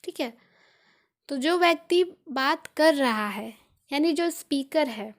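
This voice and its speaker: High-voiced Indian woman teaching grammar. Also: expressive, slow pace. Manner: patient, repeats points with many examples. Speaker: English teacher. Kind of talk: explaining grammar in a video lesson.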